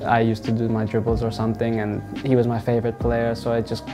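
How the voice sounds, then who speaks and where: A young man from Australia, a football player answering interview questions in a relaxed, halting way with many fillers. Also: medium pitch. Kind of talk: sit-down interview. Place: indoors in front of a wall of football boots. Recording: music playing underneath.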